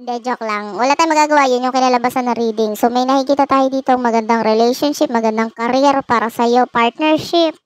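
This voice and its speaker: A woman's voice: on the high side, a little fast, hardly any pauses, no room sound, soft background music. A woman hosting a casual tarot reading, playful and teasing, laughing often at her own jokes. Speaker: tarot reader and channel host.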